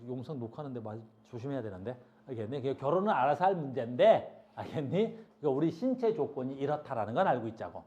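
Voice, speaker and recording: A middle-aged man teaching a class, his pitch climbing and falling with every point. His voice is mellow and a little dark, carried on a dull, lo-fi classroom recording. He keeps checking whether the students follow him. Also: fast talker, hardly any pauses. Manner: keeps asking "알겠니?" to check understanding; lively, chatty, scolds students in passing. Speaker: high school biology teacher. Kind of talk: classroom lecture.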